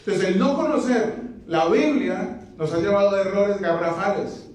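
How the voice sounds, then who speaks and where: A man's voice: high-pitched, normal speed, a little mellow. A man preaching a sermon to a congregation, firing rhetorical questions at them and dropping joking asides. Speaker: pastor. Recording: very echoey hall, mic far off.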